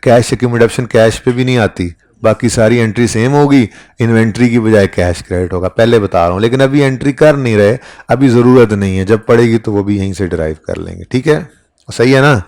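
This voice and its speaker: A man's voice: medium pitch, a little fast, darkish tone. A man giving a classroom accounting lecture, talking conversationally and often checking in with his students. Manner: conversational, keeps checking in with "ठीक है?". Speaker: accounting teacher.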